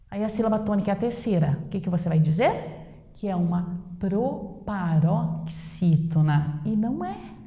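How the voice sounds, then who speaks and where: A woman teacher with a Brazilian Portuguese accent, giving a grammar lesson slowly and emphatically, posing rhetorical questions. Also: mid-range voice, creaky, dark tone. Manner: slow, drawn-out emphatic explanation with rhetorical questions. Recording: echoey room with long reverb.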